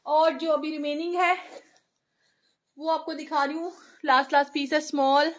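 A woman from Lahore with a Pakistani Urdu accent, talking through a live online clothing sale in a brisk, chatty patter, reeling off sizes and prices. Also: sits high, level tone, fairly bright tone. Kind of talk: live-stream sales patter.

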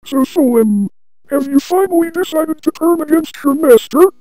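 A woman's voice: high voice, animated, normal speed, warm tone, dry recording, poor audio. A woman voicing an arrogant, vengeful male villain overlord who makes pompous, theatrical threats in a fan audio drama. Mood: scornful. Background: background music.

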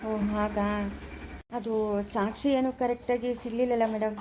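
A woman's voice: fairly high pitch, level tone, moderate pace, background noise, close to an everyday voice. A woman playing an obedient male constable who answers his superior politely. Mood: deferential. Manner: deferential, keeps saying madam.

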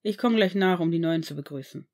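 A woman voicing a calm, gentle adult male potions teacher who speaks in a soft, measured way in a fan-fiction audiobook. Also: on the low side, close to an everyday voice. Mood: kind.

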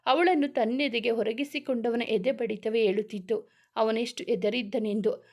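A woman narrating a romantic storybook in a steady, expressive reading style. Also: fairly high pitch, moderate pace.

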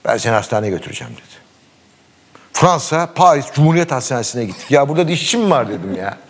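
A middle-aged man tells a long anecdote in a relaxed conversation. His voice swings widely in pitch as he quotes the people in the story, and he breaks into laughter often. He speaks at an ordinary middle pitch. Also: fast talker. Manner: animated anecdote-telling, quoting dialogue and laughing often. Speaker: sports commentator guest. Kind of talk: casual storytelling chat.

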